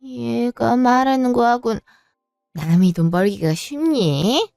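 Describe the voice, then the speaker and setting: A woman's voice: on the high side, slow, gravelly, darkish tone, dry recording, clean studio sound, faint music behind. A woman voicing a reproachful, pushy middle-aged mother-in-law who talks down and scolds in a story reading. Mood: indignant.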